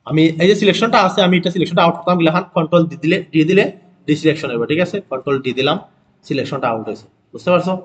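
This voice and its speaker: A design instructor with a slightly high voice rattles through a screen-recorded software tutorial at rapid-fire speed. He keeps checking whether students are following, repeats steps and corrects himself.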